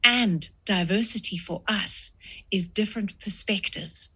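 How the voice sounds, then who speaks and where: A woman in her sixties from South Africa, a guest author answering podcast interview questions in a measured way with frequent pauses. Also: mid-range voice, sharp tone, breathy edge.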